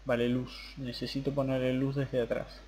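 A man's voice: medium pitch, little pitch movement, normal speed, a little mellow. Casual young man narrating his gameplay. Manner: casual, chatty, mutters to himself while playing. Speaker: gaming channel host. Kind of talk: gameplay commentary.

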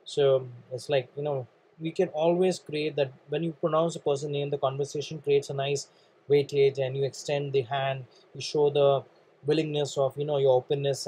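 A slightly high-pitched man speaking Indian English, his voice husky and frayed by a nagging cough. He coaches listeners through a motivational training talk, earnest and repetitive, calling them "guys" as he drives each point home. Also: fairly even intonation, normal speed, dark tone, low-quality recording. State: coughing, clearing throat. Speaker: sales and networking trainer.

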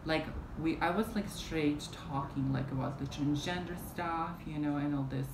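A young woman with a low voice, speaking at a normal pace, tells a story casually to a camera held at arm's length in front of her. She rambles, using lots of fillers and restarts, as a fan runs beside her in a small room at home. The vlog recording sounds roomy, with the fan's hum audible behind her.

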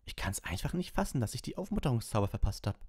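A man's voice: mid-range voice, big pitch swings, fast talker, darkish tone, husky, pitched above the performer's own voice. Hermine, a man doing a fretful schoolgirl. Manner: fretful and earnest. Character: anxious, studious teenage schoolgirl witch.

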